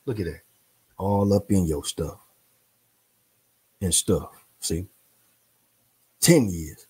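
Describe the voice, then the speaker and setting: A male host who reads from a book and riffs on it in loose slang, preachy and playful, repeating himself and exclaiming. His voice is mellow and slightly husky, and he takes his time, with pitch swooping widely. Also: lively intonation, slow. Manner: speaks in informal slang. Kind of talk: reading a book aloud with commentary.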